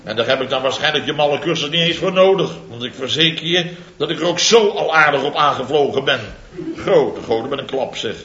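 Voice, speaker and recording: Playing contractor boss Biels, a blustering, amused man in his fifties, an actor tells his mishaps with theatrical flair and chuckles as he goes in a 1960s radio comedy serial. His natural voice is a little high and brisk. The dull old broadcast recording is reverberant, with crowd noise and studio audience laughter.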